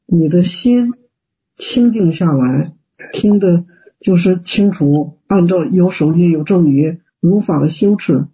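Man, Buddhist teacher, folksy rhetorical questions, very dark tone, lo-fi call sound. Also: sits high, breathy edge. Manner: plain-spoken, folksy, many fillers and rhetorical questions. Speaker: Buddhist teacher answering students. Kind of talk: online Q&A, casual teaching. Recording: dull lo-fi call audio.

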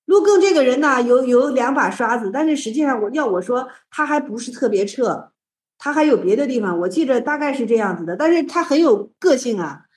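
A woman giving a casual talk on Zen teaching, telling old stories in a lively way. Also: high voice, fairly quick, reverberant. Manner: storytelling, lively, with restarts.

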